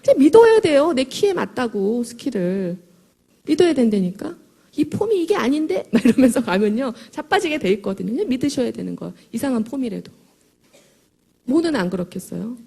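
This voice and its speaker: Husky, gravelly woman speaking to a hall. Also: fairly high pitch, a little fast. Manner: lively, chatty, emphatic, jokes with the audience. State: slightly hoarse. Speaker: motivational speaker at a sales event. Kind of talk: motivational talk to an audience. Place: large hall before a live audience.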